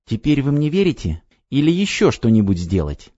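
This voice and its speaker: A man reading an audiobook voices a stubborn, tearful little girl who is a time traveler, speaking high and pleading, shrill when upset. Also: big pitch swings, moderate pace, warm tone, dry recording. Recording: dry, slightly dull audiobook recording.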